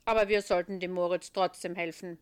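A woman voicing a kindly elderly male saint in a children's story, calm and fatherly. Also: on the low side, fairly quick, clear, resonant tone, close to an everyday voice.

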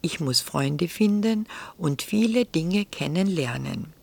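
A woman's voice: lowish voice, lively intonation, slow pace, creaky, darkish tone, husky, heavily acted. A woman voicing a curious, earnest little boy prince in a whispered role-play, asking questions in a wondering whisper.

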